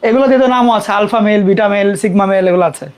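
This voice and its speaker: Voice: mid-range voice, clean tone. Casual math teacher at the board. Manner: informal, repeats terms slowly for students to copy; apologizes quickly for own board mistakes. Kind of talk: live classroom math lesson.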